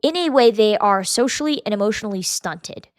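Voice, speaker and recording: A young woman hosting a podcast, giving blunt, profane, animated commentary and sometimes mocking people with quick impressions. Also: medium pitch, no room sound, clean studio sound. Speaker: podcast host. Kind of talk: casual commentary.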